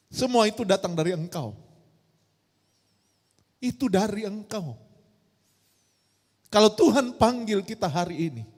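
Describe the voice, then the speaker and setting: A woman's voice: mid-range voice, a bit bright. A woman pastor preaching an emphatic sermon, firing rhetorical questions at her congregation in a large church hall. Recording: long church-hall reverb.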